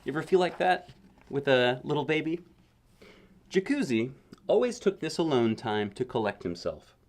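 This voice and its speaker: Reading a picture book to a child like a parent, this man speaks in a mid-range, somewhat dark voice with a sing-song rhythm at ordinary speed. He keeps it conversational, slipping in offhand comments and questions for the listener.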